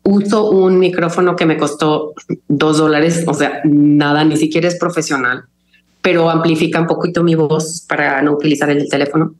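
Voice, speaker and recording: Low-voiced calm woman from Mexico City. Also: reverberant. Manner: calm, measured, deliberate diction. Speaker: chef and recipe video creator, guest. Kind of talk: conversational interview.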